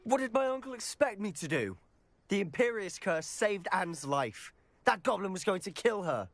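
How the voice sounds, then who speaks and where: Headstrong schoolboy wizard. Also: male voice, high voice, very animated, normal speed, fairly bright tone, full character voice. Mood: defiant. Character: defiant, headstrong teenage wizard schoolboy, protective brother. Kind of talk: dramatic video game acting.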